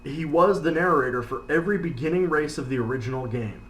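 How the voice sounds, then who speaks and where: A man's voice: a little high, fast, fairly bright tone. A man reading scripted narration for a countdown video. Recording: roomy, echoey, faint background noise.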